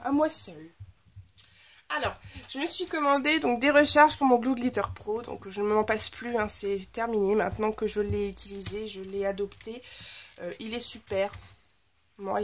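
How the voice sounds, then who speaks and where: Slight background noise accompanies a woman with a fairly high, slightly nasal and congested voice. A scrapbooking vlogger, she chats with enthusiasm in a casual haul video, gushing over the craft supplies she's picked up.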